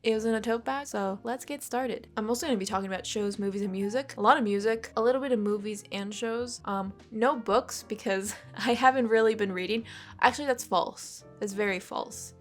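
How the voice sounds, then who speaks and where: An art vlogger in her twenties chats and rambles casually while sketching, swearing often and sounding congested. She speaks fairly quickly at a medium pitch, recorded at home on a USB desk microphone with faint music behind her.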